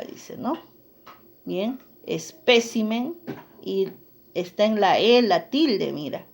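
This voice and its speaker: A woman teacher giving a grammar lesson, reading out rules and examples and often checking in with her listeners. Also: mid-range voice. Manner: slow, deliberate, checks in with listeners.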